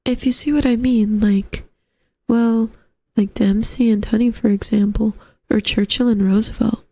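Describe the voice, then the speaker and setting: A woman's voice: a little high, fairly even intonation, a little slow, mellow. A woman voicing an earnest young male lodger in a story, musing in a hesitant, courteous way. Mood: earnest, puzzled. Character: polite, puzzled, earnest young man, a lodger. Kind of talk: storybook character voice.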